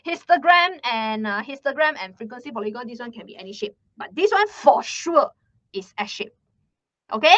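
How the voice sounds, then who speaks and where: A young woman with a Malaysian English accent walks viewers through a live math lesson in a high, animated voice that rises and falls a lot. She is chatty and repeats words as she goes. The recording is dry and a little muffled. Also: no room sound. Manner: chatty, repeats words, ends phrases with "lah". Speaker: math teacher.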